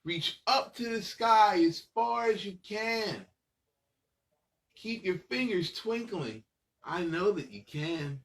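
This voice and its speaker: A man hosting a children's storytime show speaks to kids playfully and encouragingly, leading exercises with repetitive, sing-song phrasing. His voice is high and a bit bright, with lively intonation and a slow pace.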